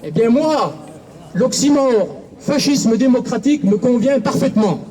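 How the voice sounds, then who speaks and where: A man with a very high, mellow voice gives a formal, oratorical speech at an outdoor protest rally. A faint crowd murmurs behind him. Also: lively intonation, unhurried. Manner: oratorical, formal, quoting writers. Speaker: protest speaker.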